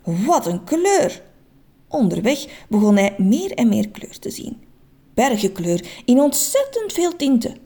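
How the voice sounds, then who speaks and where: A woman's voice: a little high, big pitch swings, unhurried, warm tone. Lady reading a kids story, playful and full of suspense, voice goes up and down a lot. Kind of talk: storybook narration for children.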